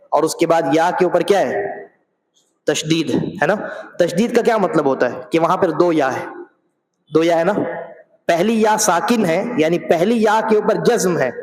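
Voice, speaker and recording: A man teaching Quran recitation on a mosque microphone, explaining slowly and repeating sounds to demonstrate them. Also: on the high side. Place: mosque prayer hall. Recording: echoey mosque hall.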